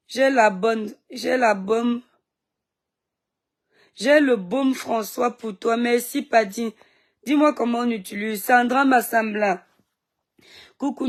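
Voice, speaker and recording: Slightly high-voiced and suffering from a sore throat, a Cameroonian woman chats on a phone live stream, greeting viewers by name and firing back at critics.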